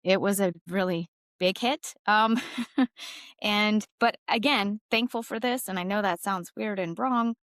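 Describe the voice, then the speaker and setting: A woman in her forties talking as a podcast guest, candid and emphatic, with an easy laugh. Her voice sits at a middle pitch. The recording is dry and close, with no room sound. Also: unhurried, a bit bright, no echo. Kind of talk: conversational interview storytelling.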